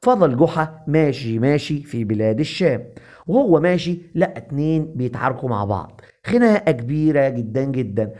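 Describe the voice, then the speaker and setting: Fast-talking Egyptian storyteller man. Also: medium pitch. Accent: Egyptian Arabic. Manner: lively, repetitive. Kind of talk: comic folk-tale narration.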